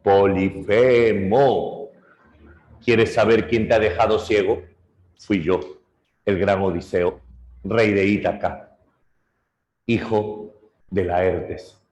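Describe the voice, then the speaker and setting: A man's voice: fairly low pitch, steady tone, slow pace, long pauses, darkish tone, lo-fi sound. A man playing a boastful hero king. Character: boastful male hero king, proud and taunting. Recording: roomy echo.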